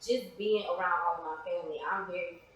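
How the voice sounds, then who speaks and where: A playwright and actress, speaking casually as an interview guest, reflects in a slightly hesitant way and repeats phrases for emphasis. Her voice is lowish, steady, fairly quick, and a bit bright. The room is very echoey and reverberant.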